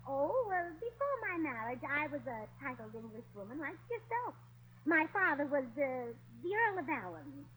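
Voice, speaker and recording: A woman's voice: high voice, big pitch swings, moderate pace, a bit bright, a little hiss or hum, rough recording. A giddy fake Englishwoman. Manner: chirpy, muddled fake English with blimey and governor. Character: scatterbrained American wife faking a posh Englishwoman. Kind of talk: 1940s radio comedy acting.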